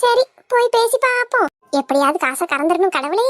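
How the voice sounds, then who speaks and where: A woman's voice: extremely high pitch, lively intonation, moderate pace, fairly bright tone, no echo, studio quality, faint music behind. A woman voicing a cunning young wife who sweet-talks and pleads, for a cartoon. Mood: worried. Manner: wheedling, pleading, sugary. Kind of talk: cartoon voice acting.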